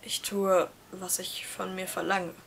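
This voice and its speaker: Woman reading teenage schoolboy, hushed, half-whispered, resigned, gentle, story reading. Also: fairly low pitch, little pitch movement, unhurried, gravelly, slight background noise.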